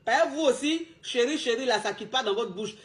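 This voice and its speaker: A woman's voice: fairly high pitch, lively intonation, brisk. A woman giving relationship advice as a coach, in a casual monologue with emphatic, repetitive street slang.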